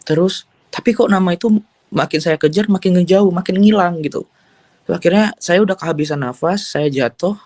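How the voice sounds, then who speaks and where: A man with a fairly high voice tells his story as an interviewee, earnest and rambling, leaning on casual fillers and slipping in English phrases. The sound is dry and close, with no room in it. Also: fairly quick, a little mellow, no echo. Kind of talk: emotional personal testimony.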